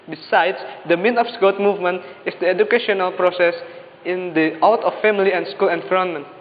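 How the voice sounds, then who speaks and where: A young man with an Indonesian accent delivers a memorized competition speech in a formal, declamatory, exhortative manner. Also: high-pitched. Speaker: speech contestant. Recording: dull lo-fi, echoing hall, faint noise.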